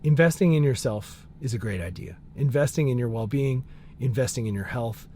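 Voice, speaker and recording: A man talking casually to camera as a fitness vlogger, in halting, reflective phrases with emphatic repeats. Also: mid-range voice, mellow, a little hiss or hum. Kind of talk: casual talk to camera, listing points.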